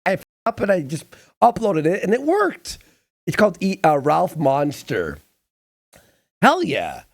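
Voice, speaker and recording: A man co-hosting a livestream, talking excitedly and straight to the viewers in casual chat. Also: high-pitched, unhurried, creaky. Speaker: stream co-host.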